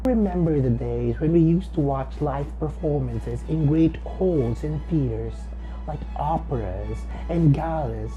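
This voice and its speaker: A man's voice: a little high, unhurried, lo-fi sound, over music, close to an everyday voice. A man voicing a haughty, pampered royal queen who speaks in a pompous, regal, sing-song manner. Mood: grand. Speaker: resident choral diva.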